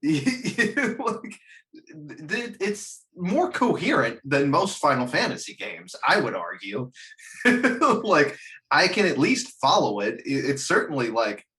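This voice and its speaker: A podcast panelist talks films and games in a slightly high, slow male voice. He rambles through the casual chat, swearing freely and laughing as he goes, animated the whole time.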